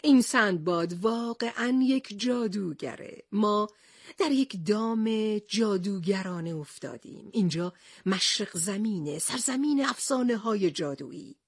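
A woman's voice: medium pitch, lively intonation, dry recording, clean studio sound. Captain Haddock, a woman doing a blustering sea captain. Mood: agitated. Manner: shouting, bossy outbursts. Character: hot-tempered blustering male sea captain, middle-aged.

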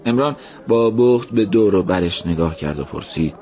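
A man narrates a story in a calm, gentle, measured voice. His pitch sits somewhat low, steady under the scenes he tells.

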